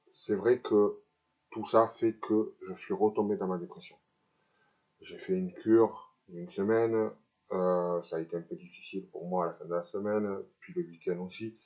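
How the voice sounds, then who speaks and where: A man talks haltingly in a personal vlog, his speech slightly impeded by dental braces. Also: deep voice, fairly even intonation, muffled recording. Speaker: vlogger. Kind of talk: personal vlog confession to camera.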